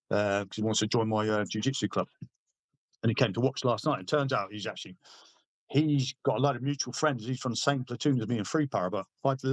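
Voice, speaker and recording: In a mid-range voice with no echo, a middle-aged British man, an army veteran on a podcast, casually spins laddish anecdotes. He swears liberally and dramatizes the lines he quotes.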